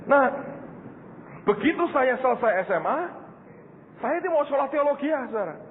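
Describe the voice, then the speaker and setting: A man's voice: very high-pitched, expressive, moderate pace, a little hiss or hum. An older man preaching a sermon to his congregation as their pastor, telling stories with jokes and often calling them "saudara". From Indonesia. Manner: storytelling, joking, addresses the congregation as "saudara". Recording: reverberant hall through a phone-like channel.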